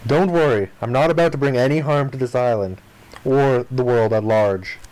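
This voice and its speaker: A let's player reads a visual novel's text aloud with dramatic flair. His mid-range voice is a little mellow and moves at a moderate pace, captured on a rough recording.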